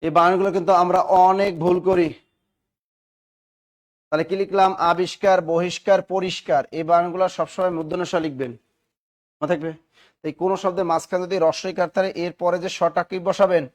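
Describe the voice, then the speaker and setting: A Bangladeshi man teaching a spelling class, dictating rules and repeating questions and answers for students to write down, now and then clearing his throat. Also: high-pitched, steady tone, brisk. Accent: Bangladeshi Bengali. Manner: repetitive, drilling, asks and answers his own questions.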